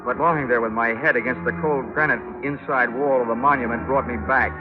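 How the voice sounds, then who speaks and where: An actor playing Johnny Dollar, a wisecracking American insurance investigator, in 1940s radio drama style. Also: male voice, mid-range voice, fairly even intonation, a little fast, close to an everyday voice. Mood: tense wry narration. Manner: wry, slangy, hardboiled. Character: wisecracking hardboiled male insurance investigator narrating his case. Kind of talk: 1940s radio detective acting and narration. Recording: dull vintage radio recording with loud music.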